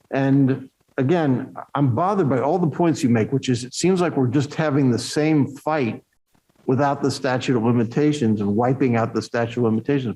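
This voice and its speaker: A man with a medium-pitched voice questions as a judge on the bench. He is insistent and informal, reasoning aloud in colloquial, broken-up phrases. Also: warm tone, poor audio. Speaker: appellate judge.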